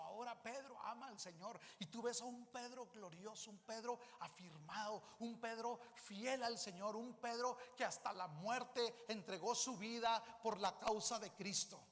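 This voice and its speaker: A Mexican-accented pastor preaches with a high, bright, ringing voice. He tells the story in an animated way, slips into acted-out dialogue and joking asides, and a long church-hall reverb trails behind his words. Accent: Mexican Spanish. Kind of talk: sermon.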